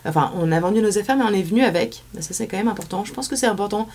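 A French woman in her thirties, with a French accent, talks casually as a guest in an interview, her speech full of fillers and restarts. Her medium-pitched voice comes out rapid-fire and slightly mellow, with a faint hiss or hum. The setting is a small indoor studio.

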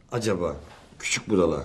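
An actor playing a sly man who teases and stirs trouble, with a mocking, drawn-out delivery in a TV series scene. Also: sits low, lively intonation. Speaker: Ruhi, teasing friend. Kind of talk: TV series acting.

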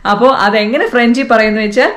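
Brisk and fairly bright, with a slightly high voice, this woman with a Malayali accent runs a casual French lesson for kids on her vlog. She chats, coaxes, and asks the viewer questions.

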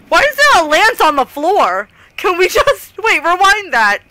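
A woman streaming a game and chatting with friends over voice chat, laughing often and getting excited. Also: very high voice, slow pace, a little hiss or hum, rough recording. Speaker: streamer hosting a group game session.

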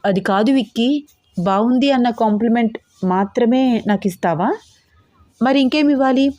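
A woman's voice: on the high side, moderate pace, dark tone, dry recording, lo-fi sound, lightly acted. Brief: young newlywed wife in her twenties, pleading, coaxing, a little pouty, dry close sound, voiced by a woman. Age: 20s.

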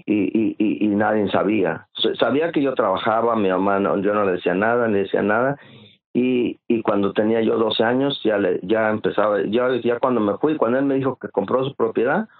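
Male interview guest, rough, creaky voice, stop-start storytelling, phone-quality audio. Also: fairly low pitch. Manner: halting, repeats and restarts words often. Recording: tinny phone-like line.

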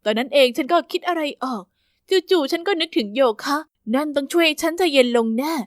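A woman narrating a first-person story with a steady, even storytelling delivery. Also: sits high, brisk, no room sound, clean studio sound.

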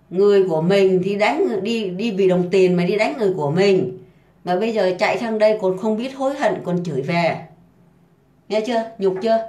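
A woman's voice: mid-range voice, warm tone. A woman delivering an angry, profane rant full of insults and hammering repetition. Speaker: housemaid ranting online. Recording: roomy echo.

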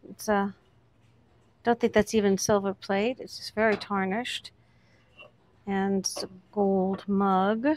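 A woman's voice: medium pitch, little pitch movement, slow, long pauses, darkish tone, a little hiss or hum. A woman hosting a vlog, chatting casually as she points out items on shop shelves one by one. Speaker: vlog host, reseller. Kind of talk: casual commentary while browsing a shop.

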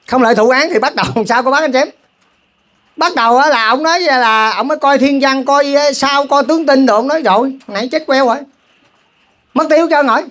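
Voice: mid-range voice, fairly bright tone. Folksy Southern Vietnamese lay preacher. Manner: keeps asking the audience rhetorical questions; repetitive, folksy, halting restarts. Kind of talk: storytelling sermon to a congregation.

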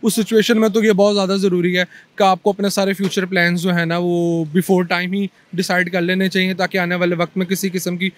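A man's voice: high-pitched, little pitch movement, a little fast, few pauses. A young man, a food cart owner earnestly explaining his business in a street interview. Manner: earnest, explaining, mixes English words. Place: busy city street outdoors. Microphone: handheld mic held by interviewer.

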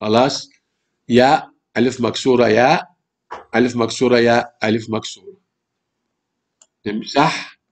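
A man's voice: mid-range voice, fairly even intonation, moderate pace, pauses often. A man with an Egyptian Arabic accent teaching a primary school language lesson, patiently repeating words and asking rhetorical questions. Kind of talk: classroom lesson explaining grammar.

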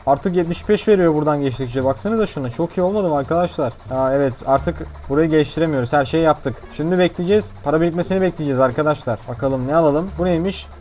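A man rattling through gameplay commentary at a quick clip, brash and jokey, his voice sitting a little high. He talks straight to his viewers as he plays. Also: a little mellow, a little hiss or hum. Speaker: gaming YouTuber.

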